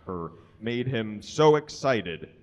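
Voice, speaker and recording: At a live comedy show, a man in his thirties stands on a small stage and gives a dramatic reading of fan fiction into a handheld or stand microphone. His voice is fairly low, his intonation lively, and he takes it slowly.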